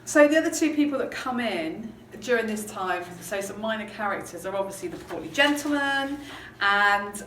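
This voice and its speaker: A woman's voice: mid-range voice, animated, moderate pace, fairly bright tone. A woman teacher talking casually through a novel, chatty and hesitant with lots of ums. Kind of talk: casual literature lesson chat. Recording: roomy, distant mic, background noise.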